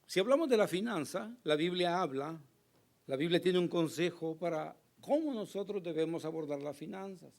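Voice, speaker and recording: A male pastor preaching a sermon with a hoarse voice, earnest and emphatic, pausing to address the congregation. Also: sits high, animated. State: hoarse, recovering from lost voice.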